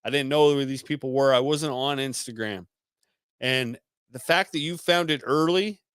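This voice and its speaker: A man's voice: medium pitch, smooth, no room sound, clean studio sound. A man hosting a live call-in stream, reading viewer comments aloud and answering in a laid-back way, swearing freely and saying "man" a lot. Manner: repeats words as he restarts.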